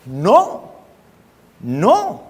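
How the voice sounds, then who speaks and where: A man's voice: sits high, huge pitch swings, very slow, a little mellow. Emphatic male preacher in a reverberant hall. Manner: emphatic preaching with rhetorical questions to the congregation; repeats phrases for emphasis. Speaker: pastor. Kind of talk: sermon.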